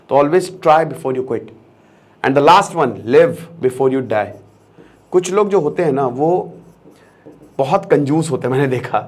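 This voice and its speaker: Repeating key phrases for emphasis, a young online educator delivers a forceful motivational lecture, moving back and forth between Hindi and English. His pitch is fairly high.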